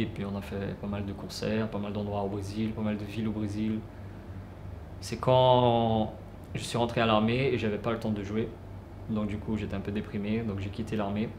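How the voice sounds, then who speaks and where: Low flat-voiced man. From French Guiana. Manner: unhurried, with frequent fillers and restarts. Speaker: musician. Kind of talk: casual spoken life story. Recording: roomy with clear background noise.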